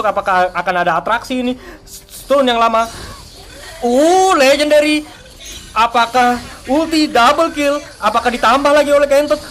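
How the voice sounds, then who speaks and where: A man casting a live game excitedly like a fighting game announcer, stretching out his big calls. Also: very high voice. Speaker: esports match caster. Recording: music behind the voice.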